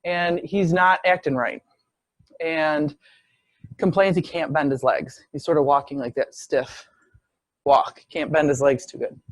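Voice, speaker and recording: Male lecturer, slightly high voice, dry close sound, narrates cases vividly. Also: fairly even intonation, unhurried, no echo. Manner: storytelling, acts out quoted speech. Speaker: visiting professor lecturing. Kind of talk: medical case lecture.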